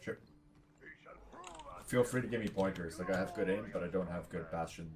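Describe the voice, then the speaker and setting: A man's voice: deep voice, normal speed. A man on voice chat during a team game, easygoing and agreeable, a bit self-deprecating. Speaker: teammate on voice chat. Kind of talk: casual gaming voice chat.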